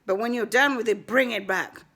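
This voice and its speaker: An older woman imitating a bossy female store cashier who yells at a customer. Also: fairly high pitch, a little fast, gravelly, husky, full character voice. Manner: bossy, yelling.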